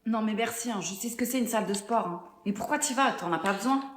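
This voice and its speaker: A woman's voice: fairly high pitch, quick pace, roomy sound, close to an everyday voice. A woman's text-to-speech voice playing a blunt, slangy, evasive young boyfriend in a scripted story. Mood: mocking.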